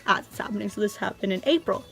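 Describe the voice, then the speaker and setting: A woman's voice: medium pitch, expressive, fast talker, vocal fry, soft background music. A young adult woman vlogger in a casual, confessional chat, talking informally and rambling as she goes.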